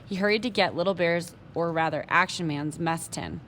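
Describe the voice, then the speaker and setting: A woman with a fairly low voice reads a children's novel aloud in a friendly, teacherly way. She breaks off for quick asides about words and characters, and a faint hiss sits under her voice. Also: fairly bright tone. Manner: friendly, pauses to comment on words. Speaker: teacher reading to a class.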